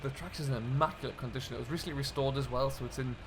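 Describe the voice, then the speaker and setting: This British man, hosting a farming game role-play as a contractor, speaks at a racing pace with medium pitch and fairly even intonation. His commentary is casual, mixing chat with thinking aloud as he works, and the recording carries clear vehicle and ambient background noise.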